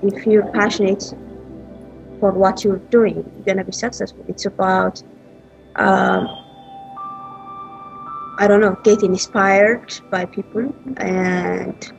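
A woman from Ethiopia in her thirties, an entrepreneur, answers interview questions earnestly with frequent hesitations. Her medium-pitched voice is gravelly, and she speaks over an earbud headset on a video call from a small indoor room, so the audio is poor.

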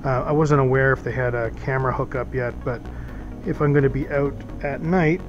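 A man's voice: medium pitch, fairly even intonation, fairly quick, highs cut off, music in the background. Rambling man unboxing gear on camera. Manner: rambling, thinks aloud with many fillers. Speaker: boating vlogger. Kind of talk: casual unboxing talk. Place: small office. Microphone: head-mounted camera.

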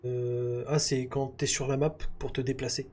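Chatty gamer man, husky mellow voice. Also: medium pitch, little pitch movement, moderate pace. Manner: chatty, thinks aloud with many fillers. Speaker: gaming YouTuber. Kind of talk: casual gameplay commentary.

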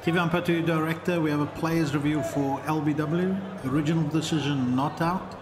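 A man's steady, slightly raised voice works through a review step by step, calm and procedural. The umpire feed sounds echoey, with noise behind it. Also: on the high side, fairly quick. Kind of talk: match officials' radio talk.

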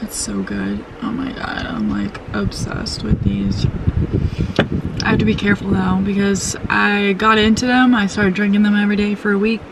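A woman's voice: mid-range voice, animated, moderate pace, very noisy. A young woman vlogging at a forest campsite, chatting casually with laughs and light swearing. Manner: giggly, laid-back, swears casually. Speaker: van-life vlogger. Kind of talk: casual vlog chat. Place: outdoors at a forest campsite by a van. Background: music.

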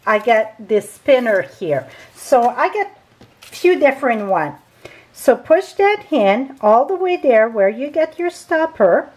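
A woman's voice: on the high side, sing-song, takes it slowly, darkish tone, rough recording. A woman with a French accent giving a chatty, unscripted card-making tutorial at a craft table, correcting herself as she goes. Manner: chatty, unscripted, with small grammar slips and self-corrections.

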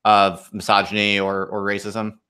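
A man's voice: fairly low pitch, monotone, normal speed, sharp tone. A man hosting a livestream interview, asking questions politely with stumbling restarts. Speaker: host.

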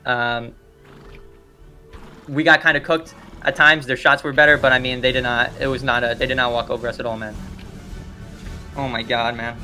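A man's voice: mid-range voice, normal speed, pauses often, soft background music. Young man barking repeated orders. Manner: barks repeated orders, swears, shouts when excited. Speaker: regiment commander leading players. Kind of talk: live voice chat during an online battle game.

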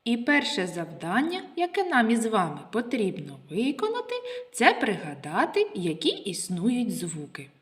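A woman's voice: fairly high pitch, wildly swooping pitch, fairly bright tone, soft background music. A woman kindergarten teacher speaking Ukrainian with a local accent, leading a literacy lesson for small children and asking them questions. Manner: slow, sing-song teacher talk with questions to children.

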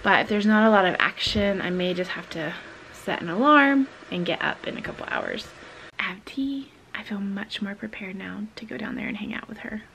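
This casual vlog comes from a woman in her thirties who keeps her voice soft, often whispering in a nighttime barn and a farmhouse kitchen. Her medium-pitched voice swings hugely in pitch, carries vocal fry, and moves at a moderate pace, with slight background noise.

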